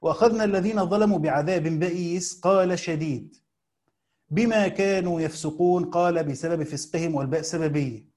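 His fairly high, slightly mellow voice carries an Egyptian Arabic accent as he teaches Quran commentary. He reads passages at a slow pace and follows with quick, colloquial explanations.

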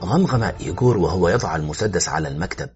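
A man narrating a suspense story as an audiobook, expressive and tense, in a slightly muffled recording with faint music. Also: sits low, fast talker.

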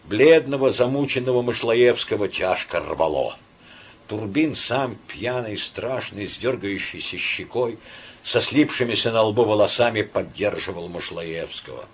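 A man narrating a novel as an expressive audiobook reader. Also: fairly low pitch, a little slow, breathy edge. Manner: dramatic, varied reading.

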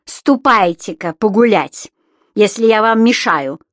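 A woman's voice: mid-range voice, measured pace, dry recording, studio quality, close to an everyday voice. A woman voicing a bossy, rude landlady who scolds and barks commands. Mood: scolding.

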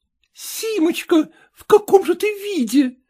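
An indignant, fussy middle-aged lady of the house with a high, shrill voice, as a male reader puts her on. She speaks with big swoops of pitch, sounding outraged and easily flustered, in a storybook reading. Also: expressive, a little slow, warm tone. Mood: fussing. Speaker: character in a read story.

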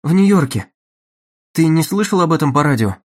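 A man's voice: a little high, expressive, moderate pace, pitched above the performer's own voice, close to an everyday voice. A man voicing an anxious, strong-willed woman executive in an audiobook, urgent and raised.

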